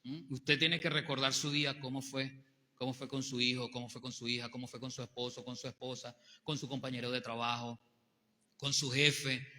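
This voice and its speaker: A male pastor, preaching a sermon with animated rhetorical questions to the congregation. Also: medium pitch, moderate pace. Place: church hall. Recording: long hall reverb.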